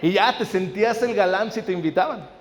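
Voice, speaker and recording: A male pastor preaches a sermon, frequently checking in with listeners and acting out family dialogue in his anecdotes. His high-pitched voice moves a little fast. There's slight background noise and a long hall reverb.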